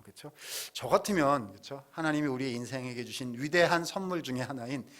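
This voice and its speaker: A male pastor preaching a sermon in a church, retelling a story with lively asides and frequent questions to the congregation. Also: medium pitch, brisk. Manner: animated storytelling, asks congregation along.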